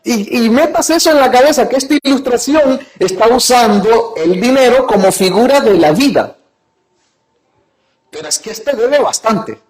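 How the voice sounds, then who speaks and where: A high-pitched man preaching as a pastor. He retells scripture in his own words and keeps asking his listeners questions, then answers them himself. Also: animated, normal speed, a little mellow, poor audio. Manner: asks the congregation rhetorical questions. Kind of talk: sermon.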